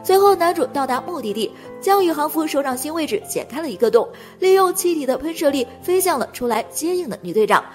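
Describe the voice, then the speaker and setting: Woman, high pitch, fast talking, scripted movie recap narration, faint background music. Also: very animated.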